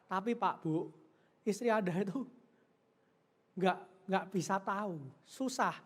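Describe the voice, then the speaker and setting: A woman's voice: medium pitch, takes it slowly, big-room sound. A woman pastor preaching in a church, chatting and joking with the congregation and asking them questions. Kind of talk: sermon.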